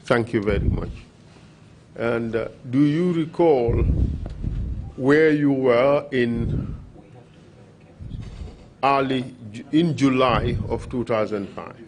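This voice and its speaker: A man questioning a witness at a formal hearing, speaking in a slow, measured, procedural way. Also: medium pitch, slight background noise.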